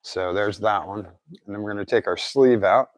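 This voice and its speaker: A man with a fairly low voice talks informally through a hands-on repair job, thinking out loud as he goes. His articulation is a little off, as if getting used to his mouth after dental surgery. The sound is very dry, with hardly any room in it. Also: normal speed, no echo. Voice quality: slightly off articulation after recent oral surgery. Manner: informal, thinking aloud while working. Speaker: DIY car repair presenter. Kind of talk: casual hands-on tutorial narration.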